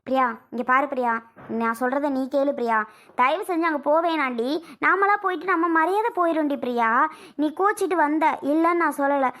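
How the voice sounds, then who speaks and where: A caring elder sister in a homemade family drama skit, played by a woman, calming her distressed younger sister. She coaxes and gently scolds in a high, motherly tone. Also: brisk. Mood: coaxing. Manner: coaxing, reassuring, gently scolding.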